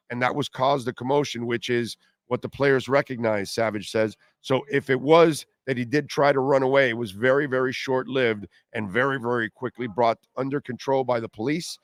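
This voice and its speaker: Male sports-talk radio host, conversational and wry, average pitch, very dry sound. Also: dry recording.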